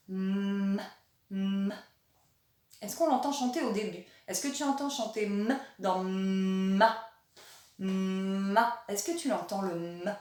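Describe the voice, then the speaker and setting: A woman teaching a remote lesson to young children, in a gentle, encouraging way, speaking slowly and articulating clearly. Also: on the high side. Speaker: primary school teacher. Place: classroom or room with a board. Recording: very echoey room, voice from a distance.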